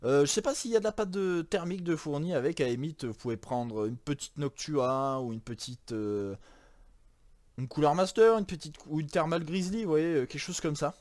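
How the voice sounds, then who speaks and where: A man's voice: on the high side, moderate pace, darkish tone, no room sound, clean studio sound. A man from France casually walking through a PC build, rambling with many fillers and self-corrections. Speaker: YouTuber presenting a PC build. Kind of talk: casual chat.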